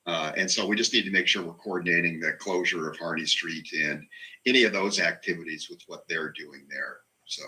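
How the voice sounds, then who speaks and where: Man, deep but piercingly sharp voice, halting informal meeting delivery. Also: rough recording. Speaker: meeting participant.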